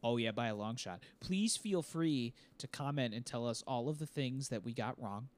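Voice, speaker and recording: A man's voice: medium pitch, lively intonation, normal speed. A young adult man co-hosting a casual gaming podcast, talking in a rambling, self-deprecating, jokey way. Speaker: podcast co-host.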